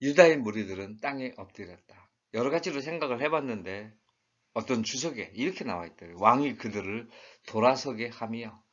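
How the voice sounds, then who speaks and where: A Bible teacher with a medium-pitched, expressive voice talks a little fast in a conversational study lecture. He poses rhetorical questions and acts out quoted lines in regional dialects, all on a dull lo-fi recording.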